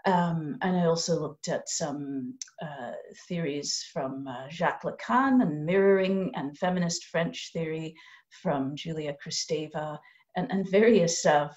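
Middle-aged woman, low voice, measured and academic, slightly dull call audio. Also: a little mellow. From Canada. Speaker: poet and lecturer. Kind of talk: online panel talk. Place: home room with lamp. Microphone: video call.

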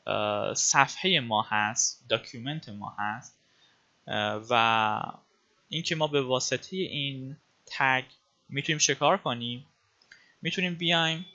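A man walks viewers through web code in a screencast lesson, his voice bright and forceful, pausing with filler sounds as he explains each step. The audio is muffled and lo-fi, like a desktop mic. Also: mid-range voice. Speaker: web design instructor. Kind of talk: screencast coding tutorial.

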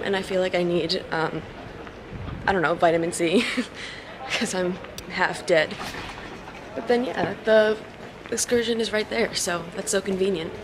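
A young woman vlogging in a casual, chatty way, hoarse from a cold and quick to laugh at herself. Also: medium pitch, background noise. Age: young adult. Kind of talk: casual vlog chat to camera.

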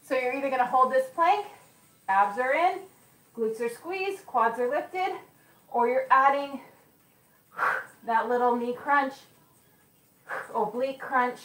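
High-voiced woman coaching a workout class. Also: takes it slowly, long pauses, fairly bright tone. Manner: encouraging, counts reps aloud. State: occasional coughing. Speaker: fitness instructor. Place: gym. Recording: echoey room, mic far off.

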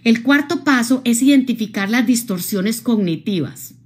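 A woman's voice: on the high side, moderate pace, husky. A woman, from Colombia, giving a live-streamed motivational talk, speaking expressively straight to her viewers and often checking in with them. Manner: expressive, addresses viewers directly, frequent tag questions.

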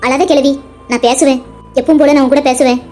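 A woman's voice: sits high, steady tone, fast talker, mellow, soft background music, natural voice. A woman voicing a young wife in a cartoon, soothing and teasing the grandmother. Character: young wife, warm and playful. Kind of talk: cartoon voice acting.

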